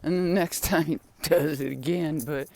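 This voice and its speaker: A woman's voice: deep voice, normal speed, mellow. Chatty older woman rambling outdoors. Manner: chatty, laughing, sighing asides. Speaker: vlogger. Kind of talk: rambling personal storytelling. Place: outdoors in wind, walking home with groceries.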